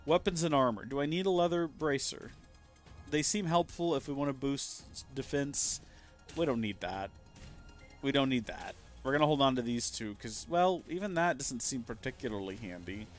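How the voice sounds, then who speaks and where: Male streamer: casual, jokey gameplay commentary, average-pitched voice, light music behind. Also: lively intonation, moderate pace. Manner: chatty, jokey, thinking aloud. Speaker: game streamer.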